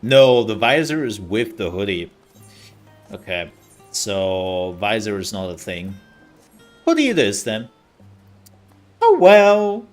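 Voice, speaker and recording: A man's voice: lowish voice, huge pitch swings, slow pace, long pauses, faint music behind. A man giving casual live gaming commentary, rambling and thinking aloud as he plays. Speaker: livestreamer.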